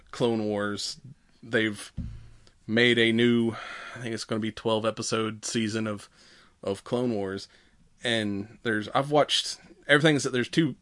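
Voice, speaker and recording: A man co-hosting a podcast in casual chat, halting and conversational, with some swearing. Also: medium pitch, fairly bright tone. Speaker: podcast co-host.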